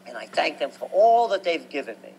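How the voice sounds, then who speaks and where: A man, telling stories about his life as a guest in an animated, emphatic way. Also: fairly high pitch, a little fast, a little hiss or hum, poor audio. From New York. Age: 60s. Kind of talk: conversational storytelling.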